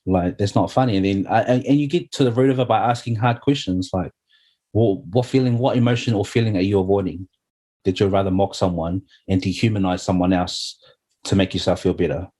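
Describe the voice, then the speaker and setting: A man's voice: sits low, a little fast, dark tone. A middle-aged man, sharing his story earnestly and heartfelt as an interview guest, often saying "you know". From New Zealand.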